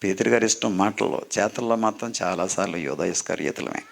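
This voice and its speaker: Lower-voiced male priest preaching. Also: fast talker, vocal fry. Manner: preaching with call-and-response to the congregation; mixes in English phrases. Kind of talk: sermon.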